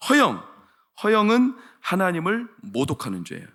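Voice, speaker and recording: High, lively-voiced preaching pastor. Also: male voice, moderate pace, breathy edge. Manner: preaching with rhetorical questions, rising to shouts. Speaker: senior pastor. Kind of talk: sermon at a Friday night prayer meeting.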